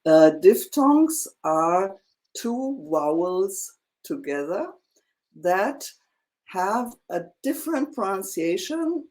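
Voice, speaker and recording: A woman teaching a one-on-one language lesson, explaining slowly with many fillers and checking in with "yeah?". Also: fairly low pitch, darkish tone. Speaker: German teacher.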